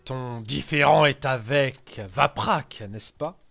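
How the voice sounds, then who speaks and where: A man's voice: medium pitch, gravelly, a bit bright, faint music behind, full character voice. Man putting on a menacing, contemptuous ancient dragon voice. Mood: calculating. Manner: dragon voice, imperious and taunting, drawn-out.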